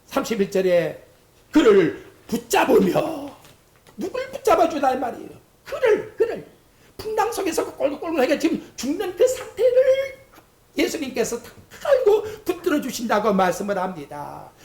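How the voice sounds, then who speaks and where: A fervent preacher delivers a sermon in a church sanctuary, breaking into acted-out prayers and quotes. The pitch swings widely from low murmurs to high cries, and the hall's echo hangs around every phrase. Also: wildly swooping pitch, normal speed, darkish tone. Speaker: pastor. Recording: echoey church hall.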